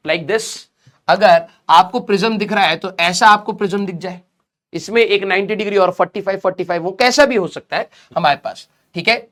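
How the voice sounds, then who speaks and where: With a high, somewhat bright voice, a young man teaches a recorded physics lecture through a sore throat. He goes slowly, repeats important terms, asks and then answers his own questions, and slips English phrases into his Hindi.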